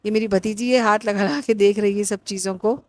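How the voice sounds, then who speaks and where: Middle-aged woman vlogger, chatty and rambling, dry close sound, mid-pitched. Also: steady tone, darkish tone, dry recording. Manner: chatty, rambling with many fillers. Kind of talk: casual vlog narration.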